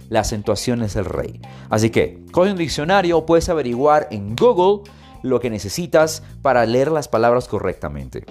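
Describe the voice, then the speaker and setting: A man hosting a podcast lesson on English intonation, switching between Spanish and English and acting out lines dramatically to demonstrate. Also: medium pitch. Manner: expressive, demonstrates intonation with sung and dramatic readings. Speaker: English teacher and podcast host.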